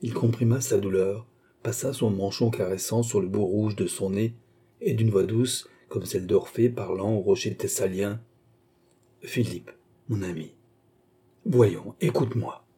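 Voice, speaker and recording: A man reading a classic novel aloud as narrator, in a measured literary manner. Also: on the low side, steady tone, mellow, breathy edge. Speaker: audiobook narrator. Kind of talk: scripted narration.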